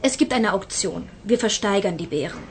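A woman's voice: medium pitch, animated, moderate pace, a little hiss or hum, lightly acted. A woman playing an earnest, courteous project spokeswoman in a scripted interview for a language course. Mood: earnest, informative.

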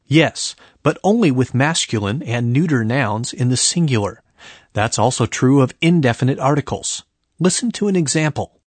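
A man presenting a scripted grammar lesson as a professor, explaining in a measured way. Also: medium pitch, animated, slightly rough, no room sound.

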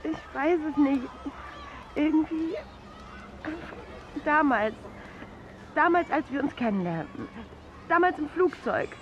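A woman's voice: high-pitched, lively intonation, slow, long pauses, highs cut off, a little hiss or hum. An actress playing a desperate, wistful young woman in an audio drama.

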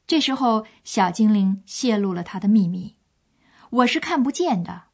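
A woman presenter reads scripted narration for a language course. Her mid-pitched voice explains and retells a story for listeners. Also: expressive, moderate pace.

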